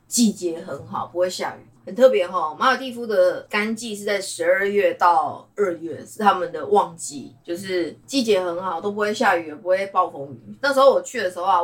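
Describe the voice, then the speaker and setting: A woman hosting a casual chat podcast with a Taiwanese Mandarin accent, talking in an animated, sassy way and mimicking people. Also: medium pitch, recorded from a distance. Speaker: host.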